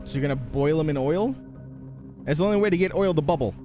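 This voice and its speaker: A man's voice: a little high, quick pace, dark tone, faint music behind. A man casually bantering and narrating as game master of a tabletop roleplaying game.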